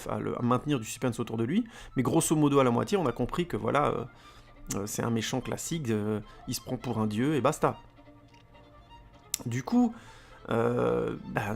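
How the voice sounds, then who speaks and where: Gravelly-voiced man rambling through a film review. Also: medium pitch. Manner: rambling, many fillers and repeated words. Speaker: film critic podcaster. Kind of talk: casual spoken film review.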